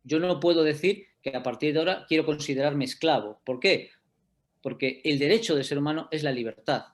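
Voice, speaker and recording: A man's voice: fairly high pitch, a little fast. Man lecturing over a video call. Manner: explanatory, checks in with "¿de acuerdo?" often. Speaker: law lecturer. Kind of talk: lecturing in an online class.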